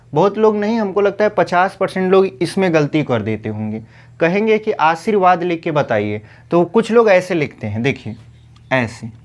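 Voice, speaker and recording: A young man teaches a spelling class for exam candidates. He works through each word slowly, asking rhetorical questions as he goes. His voice sits a little high for a man. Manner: explains step by step with rhetorical questions. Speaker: Hindi teacher. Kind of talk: exam-prep grammar lesson.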